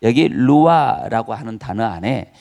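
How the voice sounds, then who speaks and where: A man's voice: mid-range voice, lively intonation, measured pace, creaky, darkish tone, muffled recording. A male pastor preaching an emphatic Sunday sermon in a church, repeating key phrases and calling for the congregation's response. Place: church sanctuary.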